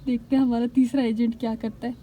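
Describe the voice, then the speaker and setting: A woman's voice: on the high side, little pitch movement, fast, mellow, a little hiss or hum, rough recording. A young woman vlogging casually, chatting playfully with her viewers. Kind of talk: casual vlog chat to camera.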